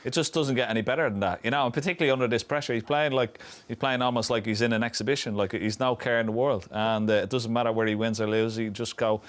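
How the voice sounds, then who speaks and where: A man's voice: medium pitch, fairly even intonation, fast talker, few pauses. A man giving conversational, unscripted snooker punditry. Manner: conversational, frequent "you know".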